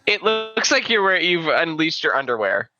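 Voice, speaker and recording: Animated man on a dull dry mic. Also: on the high side, moderate pace, no echo, faint music behind. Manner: animated, laughs often. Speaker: podcast co-host. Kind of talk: casual chat.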